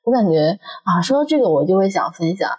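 A woman co-hosting a podcast in casual chat, telling stories in an animated way and laughing often. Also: medium pitch, quick pace, breathy edge, muffled recording. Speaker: podcast co-host.

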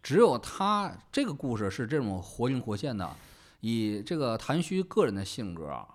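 Animated male storyteller with twang. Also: mid-range voice, moderate pace. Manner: lively, colloquial, acts out quoted characters. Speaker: podcast co-host. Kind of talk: casual storytelling chat.

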